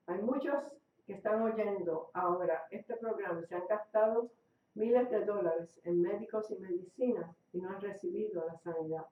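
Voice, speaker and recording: Slow, emphatic woman preacher, echoey and distant. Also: medium pitch, a little mellow. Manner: emphatic, repeats key phrases. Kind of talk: radio sermon. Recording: echoey, distant, dull lo-fi recording.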